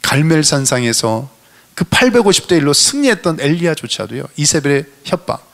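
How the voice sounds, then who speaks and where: Fervent preaching man, lively pitch swings. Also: brisk, gravelly. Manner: fervent preaching, rhetorical questions, swings between loud high appeals and low asides. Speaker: senior pastor. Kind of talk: sermon. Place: church sanctuary.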